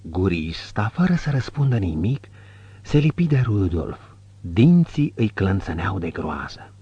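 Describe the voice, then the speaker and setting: A man reads an audiobook in a measured, descriptive way. His voice is low and husky. The recording is dry and somewhat muffled. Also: very animated, dark tone, no room sound. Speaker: audiobook narrator. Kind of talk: scripted narration.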